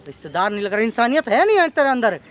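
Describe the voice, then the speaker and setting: A man's voice: very high-pitched, big pitch swings, rapid-fire, a bit bright, full character voice. A man acting in an amateur skit as an indignant man who scolds a woman and bargains with her over money. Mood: stern. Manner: stern and scolding. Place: outdoor park.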